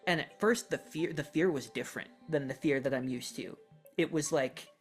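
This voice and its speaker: A podcast co-host in their thirties talking reflectively and casually, halting and self-correcting as they go. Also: mid-range voice, soft background music. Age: 30s. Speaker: podcast co-host and role-playing game player.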